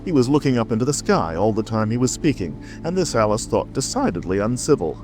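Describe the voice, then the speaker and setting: A man's voice: medium pitch, sing-song, fast, over music. A man narrating a classic storybook as a scripted audiobook.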